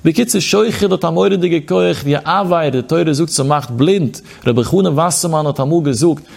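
A man's voice: a little high, normal speed, vocal fry, a little mellow. A man giving a Torah lecture with a chanting study cadence and quoted Hebrew passages. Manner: chanting sing-song study cadence, mixing in Hebrew quotations. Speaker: rabbi teaching Torah. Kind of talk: Yiddish-inflected Torah lecture.

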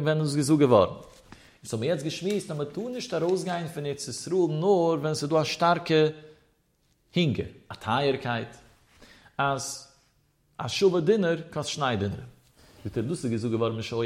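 A man teaching a religious law lesson, citing sources in a rising and falling cadence. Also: on the high side. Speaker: Torah teacher.

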